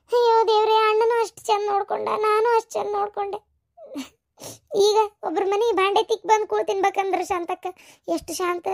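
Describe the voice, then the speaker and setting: Woman doing a lamenting cartoon mother. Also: very high voice. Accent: North Karnataka Kannada. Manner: lamenting, complaining. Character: grieving middle-aged mother, bitter and lamenting. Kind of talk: cartoon story voice acting.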